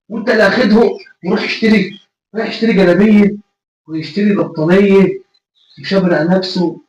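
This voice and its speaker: A man's voice: high voice, distant mic, muffled recording. A man with an Egyptian accent leading an acted comedy sketch, chatty and scolding. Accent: Egyptian Arabic. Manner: scolding, talkative. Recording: echoey room.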